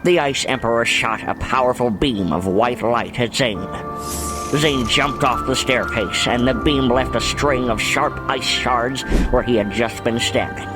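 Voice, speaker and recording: A man narrating a fan-made audiobook in a steady, plain storytelling voice. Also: mid-range voice, unhurried. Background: music.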